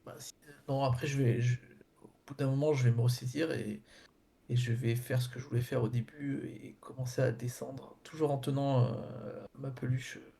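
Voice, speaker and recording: A man's voice: mid-range voice, fairly even intonation, moderate pace, gravelly, mellow, breathy edge. A man playing in a tabletop role-playing game, describing his character's actions hesitantly and repeating words. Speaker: player.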